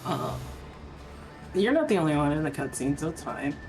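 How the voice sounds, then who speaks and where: Lowish-voiced, lively woman gamer. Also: moderate pace. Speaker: co-player guiding the streamer. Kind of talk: casual chat during gameplay. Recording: game music behind voice.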